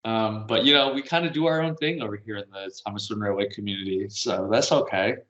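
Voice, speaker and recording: This podcast co-host has a lowish, somewhat bright voice and talks fast, rambling casually from home and chuckling now and then. His audio is dull and carries a roomy echo.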